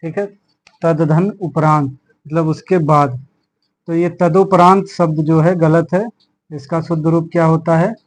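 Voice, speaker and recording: A man's voice: on the high side, fairly even intonation, poor audio. A man teaching a Hindi grammar class for exam preparation, explaining spellings word by word and often checking in with his students. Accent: Hindi, Uttar Pradesh. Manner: slow, explaining words one by one with repeated "theek hai". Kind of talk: exam-prep lesson.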